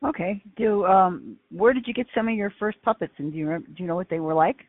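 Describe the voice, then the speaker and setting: A woman asking questions in a casual interview over a phone line, halting and restarting as she goes. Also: medium pitch. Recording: dull radio-like phone line.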